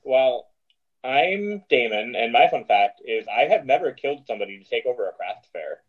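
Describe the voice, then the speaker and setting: A man's voice: medium pitch, very animated, normal speed, breathy edge. A man co-hosting a casual book podcast, muffled as if talking underwater through a headset. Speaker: podcast co-host.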